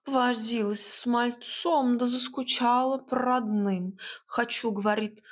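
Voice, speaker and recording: A woman voicing a proud, grumbling male house cat who talks slowly and purrs between words in an audiobook. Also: fairly high pitch, fairly even intonation, pitched above the performer's own voice. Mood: storytelling. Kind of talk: audiobook character voice.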